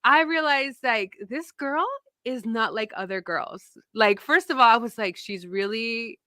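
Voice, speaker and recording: A woman in her thirties hosting a podcast, animated and laughing as she tells stories. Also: a little high, unhurried, dry recording, studio quality. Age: 30s. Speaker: podcast host and founder. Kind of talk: casual podcast chat.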